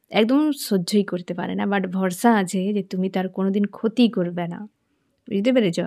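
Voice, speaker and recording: A woman's voice: medium pitch, a little mellow. A woman giving a casual tarot reading straight to the viewer, chatty and direct, often calling the listener friend and checking they understand. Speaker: tarot reader.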